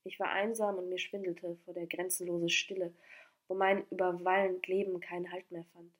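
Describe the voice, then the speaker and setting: A woman narrating a classic novel as an audiobook, expressive and declamatory. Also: on the low side, brisk. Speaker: audiobook reader.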